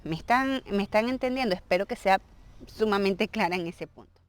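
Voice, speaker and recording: Woman, native Spanish speaker, casual video lesson, patient explanations, frequent check-ins, mid-pitched voice. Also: brisk. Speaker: language teacher.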